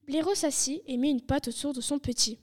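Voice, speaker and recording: High-voiced woman reading a storybook. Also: brisk, a little mellow. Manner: reads in turns, repeating words with a partner. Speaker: reader.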